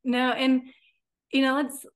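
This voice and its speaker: Gentle woman podcast host. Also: sits high, completely flat delivery, slow. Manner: gentle, encouraging, soft-spoken questions. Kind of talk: conversational interview.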